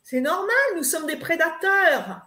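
High-voiced woman coach in echoey room. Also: very animated, measured pace, pushed and bright. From eastern France. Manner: emphatic, lecturing, with many fillers and restarts. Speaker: spiritual coach guest. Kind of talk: live advice talk. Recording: roomy echo.

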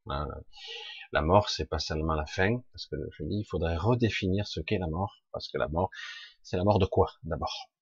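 A man's voice: low voice, moderate pace, breathy edge, dry recording, dull audio. A man hosting a live stream, chatting casually and greeting his viewers by name, with frequent hesitations.

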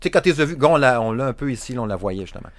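A young man with a Saguenay Quebec French accent chatting casually about video games as a podcast co-host, animated and rambling, with plenty of restarts. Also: medium pitch, racing. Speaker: podcast co-host, game reviewer. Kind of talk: casual chat.

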